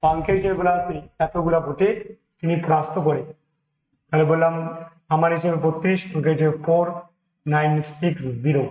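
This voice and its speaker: A man with a Bengali accent walks through percentage sums aloud as a maths teacher. He counts each step and mixes in English number words. His voice sits a little high for a man, and the room around him rings with echo. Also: steady tone, fairly quick, pauses often, darkish tone. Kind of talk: exam-prep maths lesson, working problems aloud.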